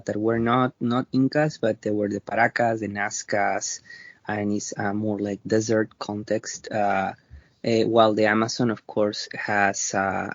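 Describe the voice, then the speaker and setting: A man from Peru with a Peruvian accent, answering interview questions in a thoughtful, halting way, often pausing to rethink his words. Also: on the low side, a bit bright, no echo. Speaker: interview guest, researcher. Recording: dry, slightly dull lo-fi sound.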